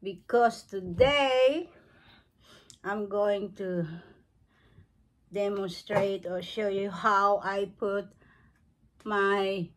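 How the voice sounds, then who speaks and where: Woman in her seventies, home vlogger, very slow and halting, reaching for words as she goes. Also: medium pitch. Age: 70s. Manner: slow, searching for words, non-native phrasing. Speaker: craft and beauty vlogger. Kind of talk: unscripted home tutorial. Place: cluttered living room at home.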